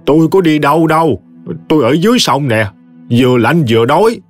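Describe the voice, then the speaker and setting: A man voicing the ghost of a drowned old woman who stammers haltingly. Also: deep voice, animated, faint music behind, voice pushed up. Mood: eerie, stammering.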